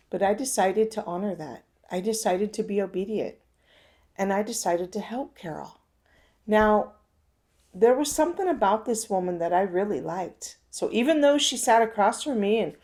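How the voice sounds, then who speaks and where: A woman's voice: mid-range voice, darkish tone. Woman telling a personal story. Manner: conversational, addresses listeners directly. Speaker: self-help speaker.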